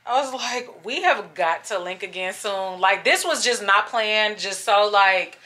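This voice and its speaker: Here the voice is mid-range and sharp-toned, delivered without hurry. It belongs to a young woman gushing chattily on camera for her travel vlog, greeting viewers as "y'all."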